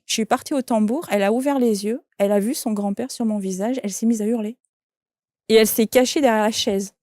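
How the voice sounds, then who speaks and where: A woman's voice: on the high side, brisk, dark tone, dry recording, studio quality. A woman, a shaman and medium, telling an anecdote in an interview and quoting the people in it. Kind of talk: interview storytelling.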